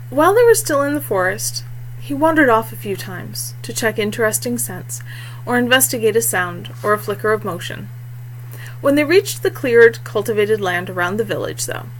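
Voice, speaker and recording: Reading her own fiction expressively, audiobook-style, this woman in her thirties has a mid-range voice with a bit of brightness. She sits at webcam distance in a small room. The home recording is noisy and has a hum.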